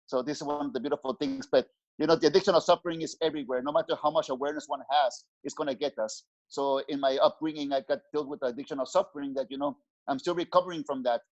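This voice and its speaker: Talking rapid-fire in a fairly even intonation, this middle-aged Mexican man has a voice that sits a little high. He's a spiritual teacher giving earnest, reflective interview answers over a video-call headset in a small room at home, frequently starting his words over, and the call audio sounds dull and lo-fi.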